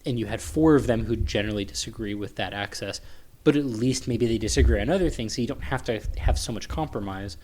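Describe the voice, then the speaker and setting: A man's voice: on the low side, quick pace, a little mellow. A young man co-hosting a casual podcast, joking and sarcastic, swearing offhandedly. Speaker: podcast co-host. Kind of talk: casual chat.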